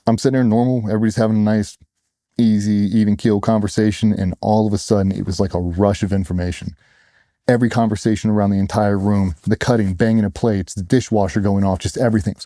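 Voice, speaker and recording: As an interview guest, a middle-aged ex-Navy SEAL tells his story candidly, bluntly and casually, acting out what other people said to him. He talks at a quick pace in a fairly low, steady voice with a dark tone. The recording is dry and the studio sound is clean.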